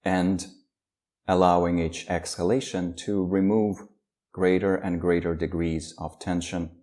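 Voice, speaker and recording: Slow, calm and full of long pauses, this guided meditation comes from a male teacher whose voice is low and dark. The practice unfolds without any hurry.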